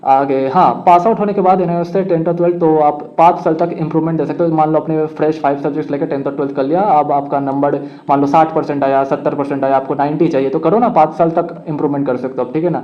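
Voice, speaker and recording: A young man counsels students at a quick clip, his voice sitting a little high. He talks frankly and like a big brother, checking in with the listener again and again. The recording sounds slightly muffled and lo-fi. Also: fairly even intonation. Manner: frank, brotherly, keeps asking "ठीक है ना". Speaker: education counsellor. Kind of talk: casual explainer to students.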